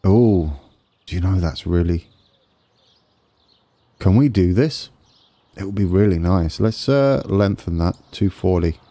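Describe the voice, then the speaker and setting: A man with a low, mellow voice talks through a game build in a casual way. He sounds wheezy and congested. His delivery is tentative, as he thinks each step through out loud. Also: unhurried, pauses often. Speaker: gaming video host.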